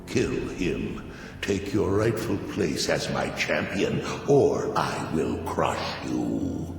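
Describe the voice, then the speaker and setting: Mehrunes Dagon, a cavernous, extremely deep demon god. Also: male voice, expressive, vocal fry, heavily acted. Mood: menacing, commanding. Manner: slow, commanding, godlike pronouncements. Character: imperious, menacing male demon god of destruction. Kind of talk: video game voice acting. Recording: cavernous echo and long reverb, music behind.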